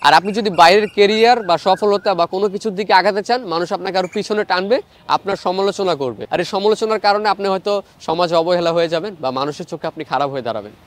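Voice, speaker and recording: A young man from Bangladesh talks earnestly as an interviewee. His voice sits high and his tone stays reflective and moralizing. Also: very fast. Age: young adult. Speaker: interviewee, mimicry artist. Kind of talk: reflective talking to camera.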